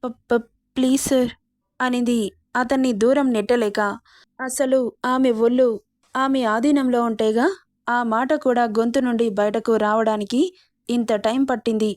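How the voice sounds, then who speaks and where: Woman, storyteller, steady expressive reading, somewhat high voice, dry close recording. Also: moderate pace, no echo. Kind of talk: scripted romance narration.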